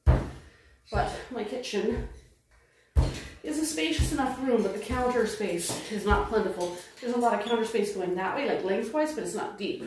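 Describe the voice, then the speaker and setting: Here a middle-aged woman with a fairly high voice talks at normal speed, casually narrating her chores at home for viewers and thinking out loud as she goes. The home vlogger is still winded after a workout as she moves through her kitchen and dining room. Her phone camera sits across the room, giving a roomy, far-off sound with background noise.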